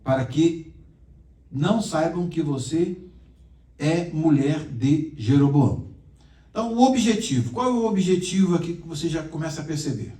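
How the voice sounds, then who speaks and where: A male pastor lectures a Bible class, quizzing his students and joking with them as he goes. His voice sits a little high for a man. It echoes around the room, picked up from a distance. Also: lively intonation, moderate pace, mellow. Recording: roomy classroom echo, mic far off.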